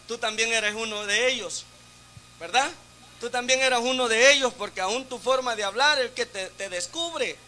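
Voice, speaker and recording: A man's voice: very high-pitched, sharp tone. A man preaching a sermon in a church, talking conversationally and constantly turning to the congregation with rhetorical questions. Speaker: deacon preaching.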